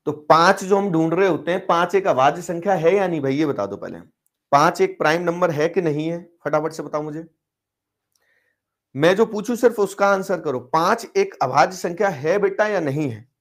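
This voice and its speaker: A man's voice: on the high side, lively intonation, moderate pace. A man teaching a live online math class, coaxing and quizzing his students as he explains. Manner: coaxing, quizzing students, switching between Hindi and English terms.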